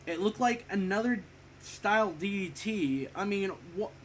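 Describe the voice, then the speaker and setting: A man's voice: high voice, measured pace, a little hiss or hum. A young man giving a rambling, casual spoken wrestling review, a bit sick and short of breath, often correcting himself and swearing offhand.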